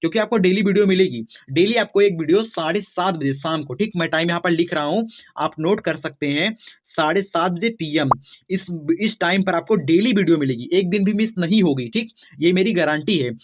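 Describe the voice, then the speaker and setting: A man's voice: high-pitched, a little fast. A man teaching a beginners' spelling lesson, spelling words out letter by letter and often checking in with his students. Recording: dull lo-fi sound.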